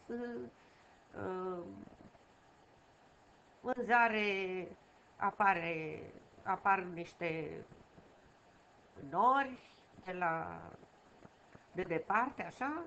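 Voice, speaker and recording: A woman teaches young children, patiently repeating key words with small fillers. Her voice sits at an ordinary pitch. It comes through a dull, slightly muffled recording with a faint hiss behind it. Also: a bit bright. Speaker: primary school teacher. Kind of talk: online lesson for young children.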